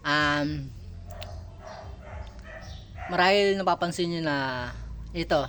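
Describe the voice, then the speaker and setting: A Filipino man talking casually in a vlog, candid and halting, with speech shaped by missing front teeth. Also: fairly high pitch, fairly even intonation, bright, forceful tone, slight background noise. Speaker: vlogger.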